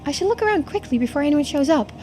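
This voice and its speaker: A woman with a high, darkish voice speaks very fast and animatedly in a dramatic visual novel reading, over soft background music. She voices an anxious, self-doubting young woman emotionally talking to herself, uneasy and pondering.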